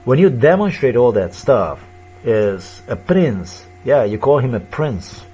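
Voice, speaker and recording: A man's voice: mid-range voice, big pitch swings, slow pace, warm tone, breathy edge, faint music behind. A man in his fifties delivering an agitated, repetitive ranting monologue in broken, non-native English grammar. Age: 50s.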